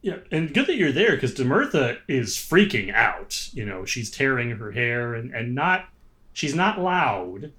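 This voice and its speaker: A man's voice: medium pitch, very animated, measured pace, bright, forceful tone. Man running a tabletop game, hedging. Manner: thoughtful, hedging with frequent fillers. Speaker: game master.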